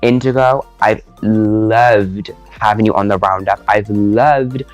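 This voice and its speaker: A man's voice: lowish voice, fairly even intonation, slow pace, faint music behind. A man hosting a casual recap show, playful and teasing, drawing out words for effect. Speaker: host.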